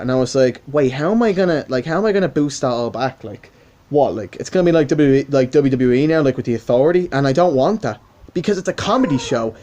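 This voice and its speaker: A man's voice: a little high, a little mellow. A young man talking casually about his channel in a rambling, self-correcting way, with swearing. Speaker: YouTube channel creator. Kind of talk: casual vlog monologue.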